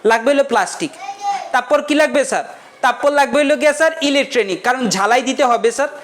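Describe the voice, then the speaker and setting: Fast, high-voiced joking teacher. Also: male voice, a bit bright, slight background noise. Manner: joking, keeps checking the class understands, asks rhetorical questions. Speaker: economics teacher. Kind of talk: casual joking lecture.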